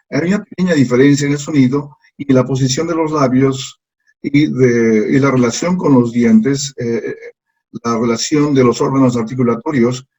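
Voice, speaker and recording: A man teaching English pronunciation from slides, slow and patient, repeating sounds for learners to copy. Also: medium pitch, warm tone, breathy edge, poor audio. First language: Spanish. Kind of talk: slide lesson.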